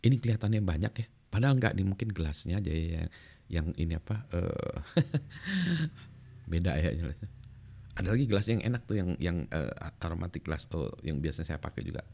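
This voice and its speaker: A man's voice: low voice, expressive, a little fast, vocal fry, dark tone. A middle-aged man giving life advice in a casual, reflective monologue, chatty with many fillers, slipping in English phrases and chuckling often.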